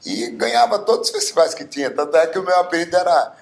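A man's voice: sits high, expressive, fast talker, vocal fry. A man in his seventies from Bauru, Brazil, telling stories as a guest, with many fillers. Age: 70s. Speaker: guest singer. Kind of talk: casual interview storytelling. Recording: roomy echo.

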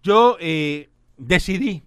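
Puerto Rican male radio host, high and bright, mock-serious questioner, dry studio sound. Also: lively intonation, extremely slow, clear, resonant tone, no room sound. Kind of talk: comedic radio banter.

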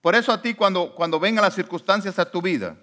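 A man preaches a sermon as a pastor in a conversational, animated style, frequently asking rhetorical questions. His voice is high-pitched and he talks fast.

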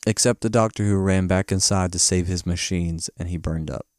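A man's voice: low-pitched, moderate pace, a little mellow, no room sound, studio quality. A man co-hosting a podcast in casual chat, retelling a film's scenes with lots of fillers and acted-out quotes. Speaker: podcast co-host.

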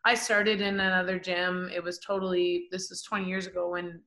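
A woman in her forties, a professional boxer from Canada, telling her story in a casual interview, animated and full of fillers. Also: lowish voice, moderate pace. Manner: animated, chatty, many fillers like "like" and "um". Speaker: professional boxer, podcast guest.

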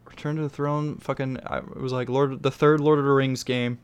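A man's voice: medium pitch, level tone, fairly quick, very noisy. A man with a blocked nose hosting a casual podcast, rambling and swearing freely. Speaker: podcast host. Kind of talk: casual chat.

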